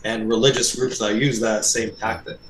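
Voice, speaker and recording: A man's voice: lowish voice, little pitch movement, normal speed, a bit bright. Man from Turkey in a roomy room. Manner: earnest, insistent about finishing his point. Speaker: podcast panelist. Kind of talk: casual debate. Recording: roomy sound with faint noise.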